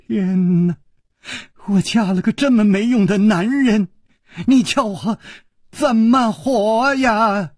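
A man doing a shrill hysterical young wife. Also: big pitch swings, a little fast, pauses often, warm tone, husky, dry recording, studio quality, heavily acted. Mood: wailing. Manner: shrieking, scolding, wailing. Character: shrill, hysterical young married woman, spoiled swordswoman. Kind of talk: traditional storytelling.

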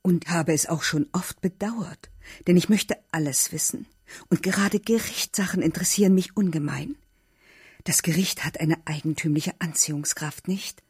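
A man's voice: a little high, normal speed, slightly rough, voice pushed up. A man reading an audiobook, voicing a curious, talkative young woman lodger with an inquisitive, lightly mocking manner. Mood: curious, teasing.

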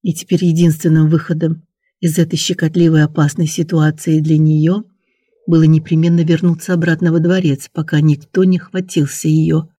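A man reading a romance novel aloud in an even, measured audiobook narration. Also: on the high side, dry recording, clean studio sound.

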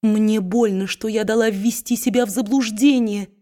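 A woman's voice: mid-range voice, steady tone, normal speed, dark tone, natural voice. Woman doing a timid pleading young wife. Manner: faltering, pleading, tearful.

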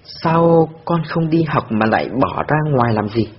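A man's voice: medium pitch, animated, unhurried, slightly rough. A man voicing a patient, firm policewoman who talks earnestly with a frightened child. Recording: dull lo-fi recording.

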